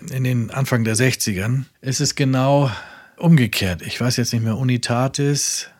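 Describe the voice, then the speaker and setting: Emphatic husky man preaching. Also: mid-range voice, fairly even intonation, moderate pace. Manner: emphatic, quotes sermons, swings loud and soft. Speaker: religious talk speaker. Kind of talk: preaching conversation, reading quotes aloud.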